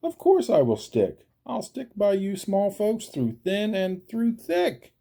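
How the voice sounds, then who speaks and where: A man's voice: sits high, wildly swooping pitch, takes it slowly, vocal fry, dark tone, voice pushed up, full character voice. A man voicing an earnest, anxious, devoted elephant in a storybook, exclaiming and pleading. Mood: anxious, caring.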